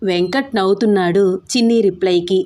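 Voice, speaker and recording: A woman's voice: mid-range voice, brisk, darkish tone. A woman narrating a romantic audio story in a plain storytelling manner. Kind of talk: scripted narration.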